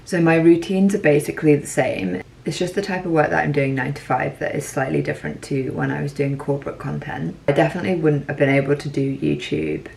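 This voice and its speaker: A woman in her late twenties from Scotland, chatting casually and warmly to viewers in a day-in-the-life vlog, recorded at home. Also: low-pitched, fairly even intonation, fairly quick, vocal fry, few pauses, slight background noise. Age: late 20s. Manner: chatty, friendly, talks straight to viewers. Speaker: lifestyle vlogger.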